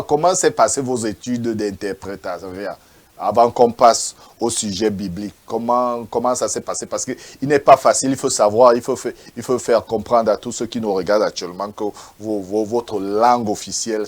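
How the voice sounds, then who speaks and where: A man's voice: mid-range voice, a little mellow. A man hosting an interview, stammering and repeating words with many fillers as he asks questions. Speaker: interviewer, host.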